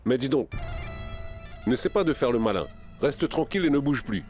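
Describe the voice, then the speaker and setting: An actor dubbing a threatening, short-tempered male kidnapper in a French series, gruff in tone. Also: mid-range voice, animated, normal speed, darkish tone, soft background music, lightly acted. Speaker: dubbed character.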